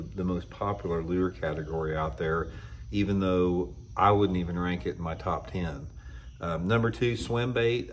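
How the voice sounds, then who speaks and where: Blunt, low-voiced man talking to camera. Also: a little hiss or hum. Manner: blunt, opinionated, clears throat often. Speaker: fishing channel host. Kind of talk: casual talk to camera. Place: indoor room with shelves of tackle.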